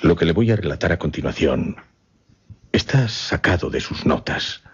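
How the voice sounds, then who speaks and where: With a low-pitched, breathy male voice and lively intonation, a radio drama actor heavily acts a grave gentleman hypnotist recounting his macabre experiment. The narration is measured and solemn, formal and deliberate with dramatic pauses, captured on slightly muffled lo-fi audio.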